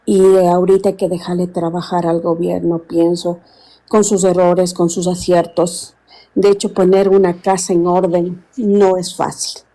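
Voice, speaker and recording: Sixties woman caller, warm low-key tone, earnest, hunts for words. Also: flat delivery, measured pace, low-quality recording. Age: 60s. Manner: earnest, rambling, searches for words. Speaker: caller on a live stream. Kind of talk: casual call-in chat.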